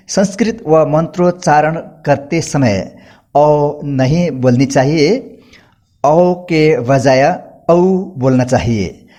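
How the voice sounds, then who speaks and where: A man teaching pronunciation for Vedic chanting, explaining sounds step by step and demonstrating each syllable with careful, drawn-out repetition. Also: on the high side, mellow. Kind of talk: slow instructional explanation with call-and-repeat drills.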